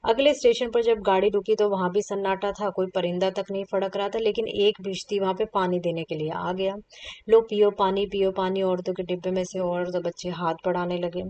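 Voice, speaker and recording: A woman's voice: mid-range voice, flat delivery, a little fast, few pauses, a little mellow, no echo, far from the mic, dull audio. A woman teacher reading a short story aloud and explaining it, with casual asides. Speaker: Hindi literature teacher.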